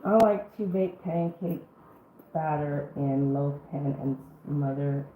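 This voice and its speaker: A middle-aged woman with a rough voice from being sick, chatting casually to viewers as she hosts a live home cooking stream. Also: sits low, takes it slowly. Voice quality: rough, congested-sounding voice. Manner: folksy, chatty, addresses viewers by name. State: sick for two weeks, throat-clearing. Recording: roomy, band-limited phone-like stream, faint noise.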